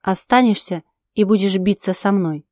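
A woman reading a story, voicing a stern male ruler with a measured, domineering delivery. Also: mid-range voice, darkish tone, no room sound, studio quality, natural voice. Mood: commanding.

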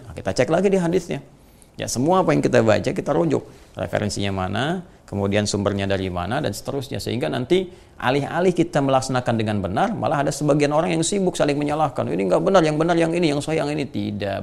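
A man's voice: mid-range voice, creaky. A man, a religious teacher giving a casual Islamic study lesson, explaining plainly and praying with feeling in between. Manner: casual explaining with lively prayer passages.

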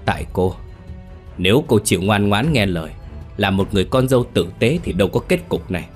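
A man's voice: fairly low pitch, lively intonation, brisk, soft background music, close to an everyday voice. A man voicing a young husband who is violent, cold and cruel, threatening his wife. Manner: shouting, threatening.

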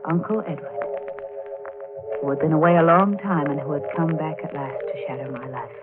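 A woman's voice: low-pitched, brisk, lightly acted. Radio drama heroine, female actor: thirties, genteel, wistful and uneasy, vintage tinny recording with music. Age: 30s. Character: wistful, anxious wealthy woman in her thirties. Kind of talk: 1940s radio drama acting with narration.

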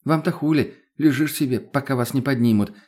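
A man's voice: mid-range voice, a little fast, darkish tone, voice pushed up, natural voice. A man voicing a brash, crude, hot-tempered young woman in a story reading. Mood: scolding.

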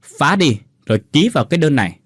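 A man's voice: a little high, very animated, quick pace, a bit bright, husky, no echo, clean studio sound, voice pushed up, heavily acted. A man voicing a cold, contemptuous husband who snarls through gritted teeth.

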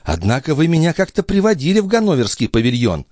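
A sly young maid pleads and flatters in a voice pushed far up, as a male narrator puts her on. The sound is close and dry, with lively swings of pitch. She begs and coaxes with feigned despair. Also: fast, dry recording. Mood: pleading. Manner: pleading, coaxing. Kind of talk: audiobook character voice.

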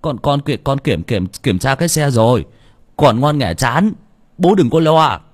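A man voicing a grief-stricken, simple-minded young village man who wails high and loud and stammers. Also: big pitch swings, unhurried, no echo, clean studio sound. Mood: stammering.

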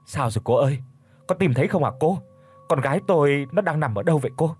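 A man voicing a frantic middle-aged father who pleads and shouts in a hurry, with a husky voice. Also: fairly high pitch, very animated. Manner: desperate, shouting, hurried.

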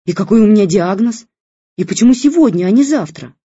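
A reader voicing a loud, demanding aunt who complains and shouts. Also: medium pitch, lively intonation, unhurried, husky, dry recording, lo-fi sound. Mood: shrieking.

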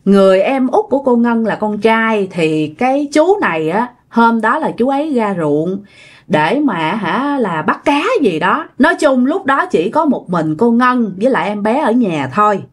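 A woman's voice: a little high, very animated, moderate pace. A woman telling a ghost story in a chatty way, often addressing her listeners directly. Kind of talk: casual ghost-story narration.

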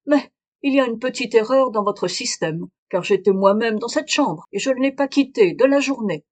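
A shaken old professor shouts back in a raised, strained voice, as a woman reader puts him on. He is defiant and loud, and his pitch climbs well above the reader's usual tone. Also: lively intonation, moderate pace. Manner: exclaiming, loud outbursts.

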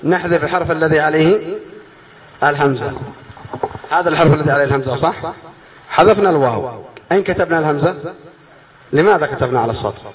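Lively man teaching a class, quizzing. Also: a little high, muffled recording. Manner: lively, quizzing students with questions; drawls out key words slowly. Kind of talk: classroom lesson.

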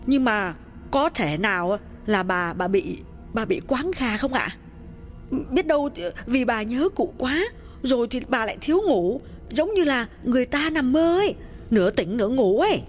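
Woman reading as an anxious young villager, curious, pressing questions, higher voice, soft music behind. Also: animated, brisk, lightly acted. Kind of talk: audiobook dialogue reading.

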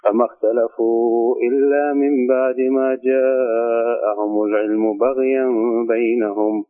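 A man's voice: medium pitch, flat delivery, soft background music. Male caller reciting over a phone line. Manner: measured chanted recitation.

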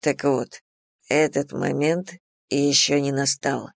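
A woman reader voicing a dominant, teasing man in an erotic romance audiobook, speaking low, slow and hushed. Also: fairly even intonation, creaky, no echo, clean studio sound, exaggerated voice. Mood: teasing, commanding.

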